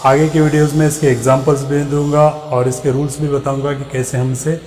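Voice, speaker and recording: A man's voice: mid-range voice, level tone, darkish tone, soft background music. Man teaching grammar, echoing reverb. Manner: patient, asks and answers his own questions; spells out English word forms slowly, one by one. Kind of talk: explanatory grammar lesson.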